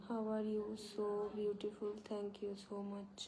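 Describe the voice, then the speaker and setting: A woman's voice: mid-range voice, monotone, very slow, crowd noise. A woman hosting a casual live stream, greeting viewers one by one and chatting. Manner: greets viewers warmly, at times drops to a whisper.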